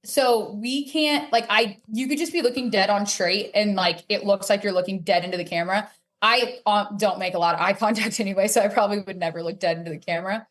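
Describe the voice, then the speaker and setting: A woman who plays cornhole talks casually as a podcast interview guest, telling stories and acting out bits of dialogue. Her mid-range voice is brisk and a bit bright.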